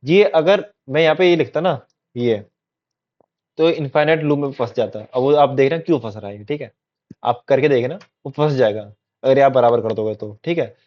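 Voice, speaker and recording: A man's voice: mid-range voice, moderate pace. A man teaching a coding lesson in a casual, repetitive way, often checking that listeners follow. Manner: chatty, repetitive, keeps checking in with "theek hai". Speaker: coding tutor. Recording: dull lo-fi recording.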